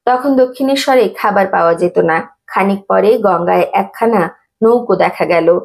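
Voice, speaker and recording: Gravelly-voiced woman reading a devotional memoir. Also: medium pitch, moderate pace. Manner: steady, reverent storytelling. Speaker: narrator.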